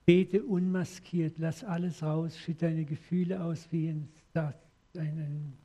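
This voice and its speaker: A man's voice: on the high side, steady tone, slow pace, dark tone. An older man, a pastor, preaching an earnest and emotional sermon and often quoting prayers aloud.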